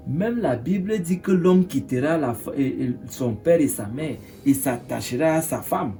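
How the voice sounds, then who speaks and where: An actor with a Cameroonian French accent playing a smooth-talking older man courting a young girl, with a wheedling, coaxing manner. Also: a little high, animated, moderate pace, warm tone, faint music behind.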